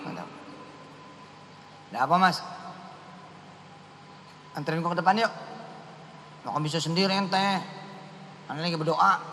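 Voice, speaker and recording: A male preacher jokes and teases his listeners in slang. His voice sits high and sounds bright. The recording carries the long reverb of a hall and a faint hiss. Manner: playful, teasing, mixes slang and Quran recitation. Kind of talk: joking sermon.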